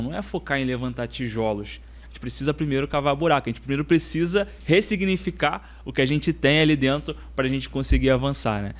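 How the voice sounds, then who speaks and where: A man hosting a podcast, asking follow-up questions and giving motivational talk with deliberate repetition. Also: on the high side. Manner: motivational, repeats points, asks follow-up questions. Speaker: podcast host. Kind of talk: podcast interview.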